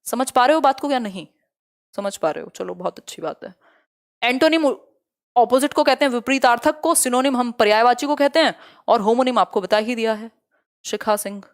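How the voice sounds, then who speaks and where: A young woman teaching an online exam-prep lesson, explaining in a lively way, mixing English terms into her talk and often checking that her students follow. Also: fairly high pitch, brisk. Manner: lively, asks students many check questions; mixes Hindi and English terms.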